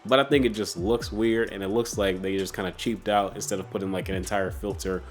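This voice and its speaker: A man's voice: deep voice, fairly even intonation, fairly quick. A man with a sick, stuffy-nosed voice hosting a casual, conversational tech product review. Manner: informal, conversational delivery.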